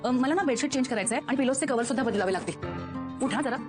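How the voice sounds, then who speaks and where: An actress playing a scheming young woman in a TV serial, coaxing and falsely sweet, heard in a clip with loud background music. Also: high voice, racing, close to an everyday voice. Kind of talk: TV serial acting.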